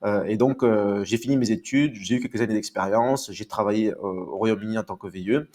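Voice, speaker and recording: On the low side and a bit fast, this Marseille-born podcast guest has a darkish tone. He answers the casual autobiographical interview questions politely and hesitantly, taking care to explain.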